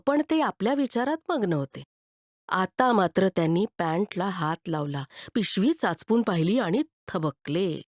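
A woman narrating a written story with expressive delivery. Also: mid-range voice, no echo, studio quality. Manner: expressive, animated.

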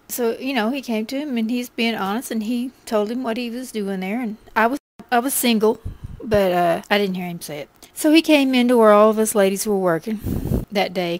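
A middle-aged woman casually telling a personal faith testimony in a folksy, chatty way, laughing as she goes. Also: mid-range voice.

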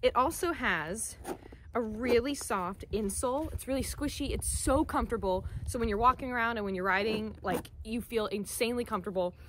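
A young adult woman from Central Florida reviews products to camera like a vlogger, sounding enthusiastic, emphatic, and chatty. Her voice is fairly high and a bit bright, and she talks a little fast. She's outdoors by a wooden wall and an open field, and the camera audio is noisy.

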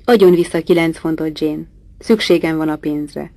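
A woman reading the part of a brusque, teasing wealthy middle-aged English gentleman in an audiobook, gruff and bantering. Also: sits low, steady tone, dry recording. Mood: mocking.

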